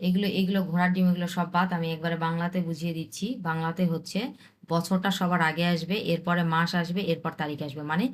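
A young woman from Bangladesh, teaching an online language lesson, repeating examples and reading English lines slowly. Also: fairly low pitch, level tone. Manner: explains slowly with repeated examples, reads English text haltingly.

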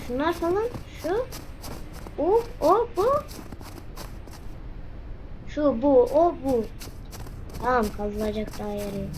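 A woman's voice: high voice, lively intonation, slow pace, long pauses, warm tone. A young woman giving casual, slangy commentary while playing a game, exclaiming and teasing as she goes. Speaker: gameplay streamer. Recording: noisy background.

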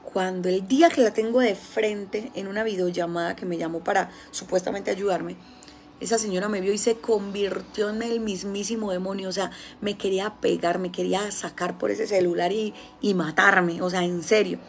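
A woman with a Colombian accent giving a casual spiritual talk, telling stories with lively, acted-out quotes. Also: mid-range voice, normal speed, a little hiss or hum. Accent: Colombian Spanish. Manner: animated storytelling, acting out quoted voices. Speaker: spiritual healer.

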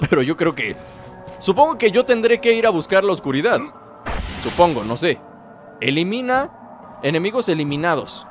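Brief high, playful male gaming host, music behind. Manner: playful, excitable, jokey asides. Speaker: gaming YouTuber. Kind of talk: casual gameplay commentary.

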